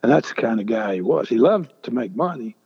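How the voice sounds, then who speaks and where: An older man telling a long story as an interview guest, halting and deliberate with many restarts. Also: mid-range voice, animated, creaky, husky. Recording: echoey, dull lo-fi sound.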